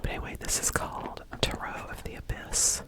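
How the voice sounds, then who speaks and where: In a hushed whisper, an ASMR host speaks haltingly and without rushing, as if offhandedly telling viewers about things.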